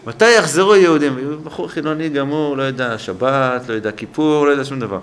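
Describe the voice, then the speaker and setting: An older man, a rabbi giving a synagogue lesson, telling stories with animation and acting out the people he quotes. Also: medium pitch. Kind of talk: storytelling sermon. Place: synagogue hall.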